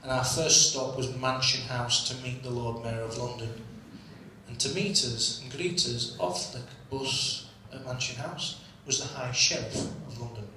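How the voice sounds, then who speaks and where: A man's voice: mid-range voice, fairly even intonation, unhurried, pushed and bright, a little hiss or hum. A man telling cheeky comic stories from his cricket days at an after-dinner event, heard from a distant mic. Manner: cheeky, comic storytelling with punchlines. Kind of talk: anecdotal after-dinner storytelling. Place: function room. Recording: distant mic in an echoey room with faint ambience.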